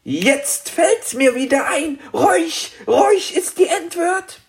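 A man voicing a small, excitable young male Christmas dragon in a high, drawn-out, eager voice. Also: exaggerated voice. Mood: excited. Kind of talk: audiobook character voice.

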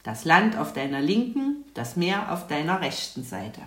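A woman's voice: low-pitched, big pitch swings, measured pace. A woman voicing a cautious, sensible young boy in a storybook, earnest and a bit reluctant. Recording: roomy echo.

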